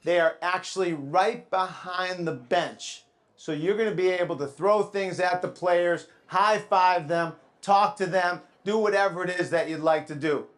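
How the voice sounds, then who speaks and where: A man's voice: high voice, unhurried. A man working as a live auctioneer, calling out bids to a room and teasing the bidders like a showman.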